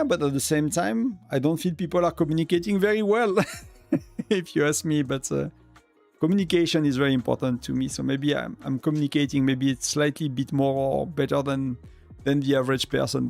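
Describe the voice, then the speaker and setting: A man's voice: fairly high pitch, fairly quick, gravelly, a little mellow, faint music behind. A man with a French accent, whose first language is French, chatting casually on a live game stream, rambling with many fillers and restarts. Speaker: gaming streamer.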